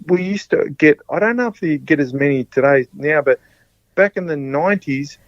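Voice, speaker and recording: A man with an Australian accent in his fifties tells stories in a loose, rambling way, stumbling over and repeating his words. His voice sits a little high. The sound is dull and dry. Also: animated, moderate pace, no room sound. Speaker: podcast guest, former rugby league player. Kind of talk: casual storytelling.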